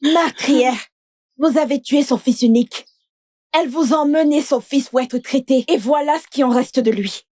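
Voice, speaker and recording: A woman's voice: high-pitched, normal speed, darkish tone, close to an everyday voice. A woman voicing a stern, righteous accuser. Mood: accusing. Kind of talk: French dub of a film.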